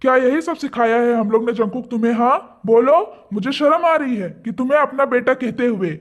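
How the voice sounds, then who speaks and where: A disappointed parent berates his son, put on by a woman. The voice is pushed lower than her usual. The sound is a little dull and lo-fi. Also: a little fast, close to an everyday voice. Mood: scolding. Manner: scolding.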